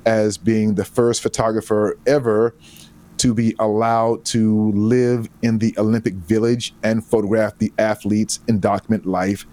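A man being interviewed as a photographer, telling his story in a relaxed, easygoing way. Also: lowish voice, measured pace. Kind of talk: casual interview chat.

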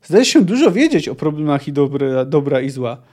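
A man's voice: on the high side, sing-song, fairly quick, dark tone. A man voicing a stern old male scholar who lectures sarcastically, read aloud from a fantasy novel. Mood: stern lecturing.

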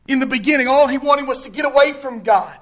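Preacher guy, really high voice, gets loud then goes all whispery. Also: quick pace. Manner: dramatic preaching, rising to shouts and dropping to whispers. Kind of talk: sermon. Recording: podcast sermon recording.

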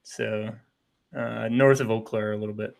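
Relaxed rambling man, podcast host. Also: on the low side, moderate pace, vocal fry. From Bloomer, Wisconsin. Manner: relaxed, rambling, hesitant restarts. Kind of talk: casual podcast chat.

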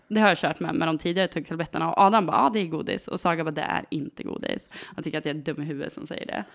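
A woman in her thirties telling a story in a casual, animated chat, with lots of fillers and hesitations. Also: lowish voice, vocal fry. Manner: animated, full of fillers, acts out quoted voices.

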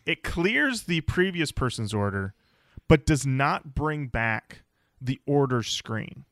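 A male podcast co-host in casual conversation, spinning jokey stories with plenty of animation. His voice sits in a middle register but swings widely, with a bright, forward edge. The sound is close and dry, with no room around it. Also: medium pitch, very animated, slow pace, no room sound.

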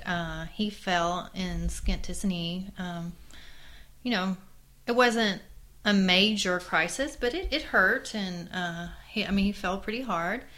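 A woman's voice: mid-range voice, a bit bright. A woman co-hosting a casual conversation, earnestly recounting personal stories with many fillers. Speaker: co-host, mother.

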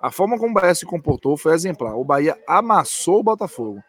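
A man's voice: fairly high pitch, big pitch swings, fast, slightly rough, no room sound. A man giving post-match football analysis from a stadium's stands, speaking emphatically and repeating key points.

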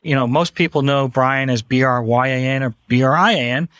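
A man's voice: mid-range voice, brisk, a bit bright, smooth, no echo. A man hosting a radio talk show, joking and chatting casually with his co-hosts in the studio.

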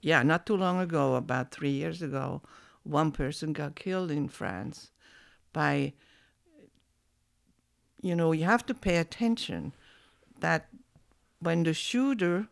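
A woman in her seventies reminiscing in an oral history interview, halting with many restarts. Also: low-pitched, big pitch swings, gravelly, no room sound, clean studio sound. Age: 70s.

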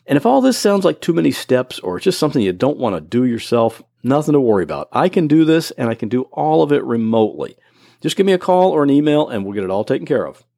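A man's voice: medium pitch, sing-song, fast talker, gravelly, warm tone, dry recording, studio quality. A man hosting his own computer help podcast, explaining things patiently step by step in plain words. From Florida. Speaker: podcast host and computer tutor. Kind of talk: solo instructional podcast.

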